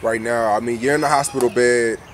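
A man's voice: mid-range voice, steady tone, a little fast, slight background noise. A male interviewer off camera asking casual, probing questions outdoors, often repeating words as he starts.

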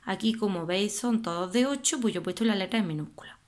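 A woman with a Spain Spanish accent, patiently explaining poetic meter and rhyme to her students, slowly sounding out syllables. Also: mid-range voice. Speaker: teacher. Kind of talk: classroom explanation of poetry meter.

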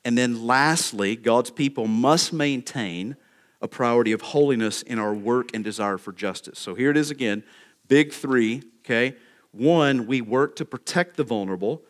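A man's voice: medium pitch, moderate pace. A male pastor preaching a sermon, laying out numbered points with emphasis and checking in with the congregation by asking "okay?".

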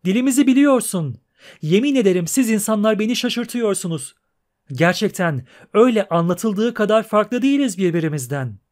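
Man putting on a teasing young mermaid, high and chirpy, audiobook figure. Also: lively intonation, normal speed, a little mellow. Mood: delighted, chatty. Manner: high, sing-song and chirping.

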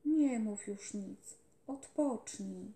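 A woman voicing a quiet, gentle, grieving boy leader who speaks softly in a storybook reading. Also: mid-range voice, extremely slow. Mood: hushed. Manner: soft and hushed. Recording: roomy echoey home recording.

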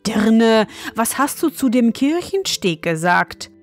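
A woman voicing a haughty, quick-tempered young bride in a fairy tale, with a sharp, scolding manner. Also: fairly high pitch, big pitch swings, faint music behind.

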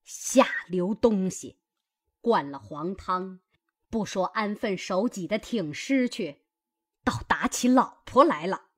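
A man's voice: high voice, expressive, slow, fairly bright tone, voice pushed up, full character voice. A man voicing a stern, commanding old grandmother who scolds her grandson. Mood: scolding.

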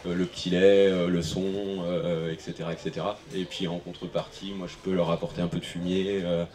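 This western French farmer in his thirties, from Maine-et-Loire, has a low-pitched, level, slightly mellow voice and talks a little fast. Answering on a panel via handheld mic in a big tent at an outdoor event, he hesitates often with fillers and restarts, amid slight background noise.

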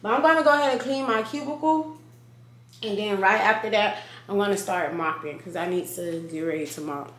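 Talking through her cleaning in her apartment's kitchen and living room, a young lifestyle vlogger speaks to camera in a fairly quick, medium-pitched voice. She's slangy and animated, recorded at close range on a handheld or propped camera in an echoey room with faint ambience.

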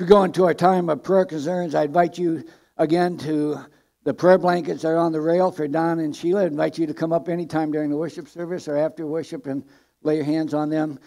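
An older man with a Midwestern American accent, speaking as a pastor and giving church announcements from a lectern in a sanctuary, halting, with many filler words. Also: on the high side, fairly even intonation, gravelly, darkish tone.

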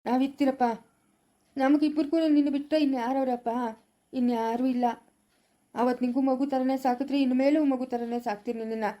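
A woman's voice: high voice, fairly even intonation, a little fast, warm tone, natural voice. A woman acting as an aging father who soothes and reassures his son, repeating her comforts, in a family short drama. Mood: reassuring.

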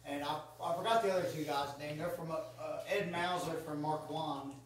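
A male pastor giving church announcements in a halting, hesitant way. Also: on the high side, fairly even intonation, a little hiss or hum. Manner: halting, hesitant with many uhs. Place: church sanctuary. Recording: echoey church from a distance, congregation around.

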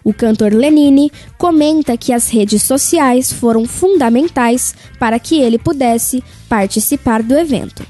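A woman reading a scripted news report as a voice-over, in a smooth, measured delivery. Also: sits high, warm tone, soft background music.

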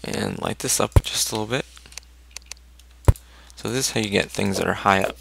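A man's voice: lowish voice, normal speed, vocal fry. A man casually commenting on his own gameplay, thinking aloud and cheering on his character. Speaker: let's play gamer. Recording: noisy home recording with keyboard clicks. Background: loud keyboard clicks and typing.

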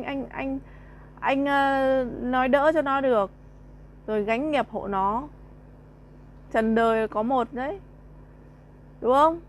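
A young woman vlogger with a high-sitting voice delivers a heated monologue, taking scornful jabs at a rival, laughing between lines and firing off rhetorical questions again and again.

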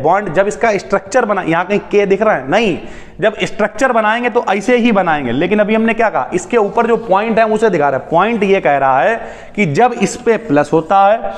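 High-voiced man teaching in an echoing hall. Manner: asks and answers his own questions, chatty asides. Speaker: chemistry teacher. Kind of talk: lively classroom lecture.

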